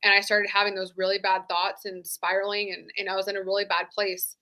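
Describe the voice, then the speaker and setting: A woman's voice: medium pitch, little pitch movement, a little fast, sharp tone. A woman in her thirties, a former deputy, telling her own story in a candid, conversational way, full of "like.". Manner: candid, conversational, many "like" fillers. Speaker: interview guest, former sheriff's deputy. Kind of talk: casual personal storytelling.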